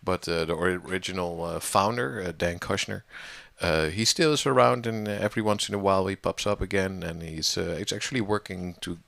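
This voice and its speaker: Very deep-voiced man, halting with fillers. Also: vocal fry, fairly bright tone, no room sound. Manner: hesitant, many fillers and restarts. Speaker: online music community organizer. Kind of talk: casual interview conversation.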